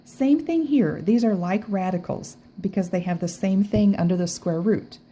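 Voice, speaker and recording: Chatty woman teacher, mellow voice. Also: mid-range voice, normal speed, slight background noise, rough recording. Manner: chatty, filler-heavy, says okay often. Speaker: math teacher. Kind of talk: casual video lesson. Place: outdoors in a backyard, then recording a screen lesson.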